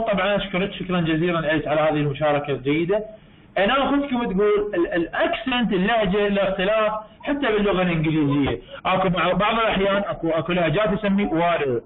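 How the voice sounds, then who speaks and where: A high-voiced man with an Iraqi Arabic accent gives a university English lecture over a tinny online call. He explains things slowly, repeating himself and correcting his own words as he goes. The sound is thin and narrow, like a phone line. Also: animated.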